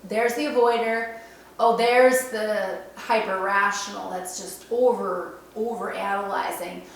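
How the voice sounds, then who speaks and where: A woman talking in a casual, reflective monologue as a self-help host. She is earnest and slips into quick quoted inner voices. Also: mid-range voice, fairly even intonation, creaky. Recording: very echoey room, distant mic, faint noise.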